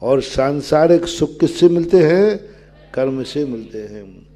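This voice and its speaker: An older man preaches slowly and unhurriedly, working through scripture for his listeners. His voice sits a little high for a man, yet its tone is mellow and dark. Now and then he sings a verse in a low, drawn-out chant. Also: animated. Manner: asks the listeners questions and answers them himself. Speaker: Jain monk preacher. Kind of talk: sermon.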